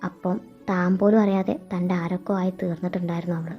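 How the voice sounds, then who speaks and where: A woman narrating a fan fiction story in a steady, reflective way. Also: on the low side, fast. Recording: dull lo-fi sound. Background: background music.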